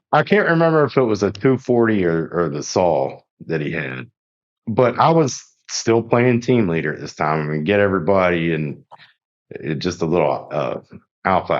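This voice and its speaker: A middle-aged man hosting a podcast, rambling through army anecdotes and swearing constantly. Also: sits low. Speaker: podcast host. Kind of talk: casual profane storytelling. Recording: dull lo-fi audio.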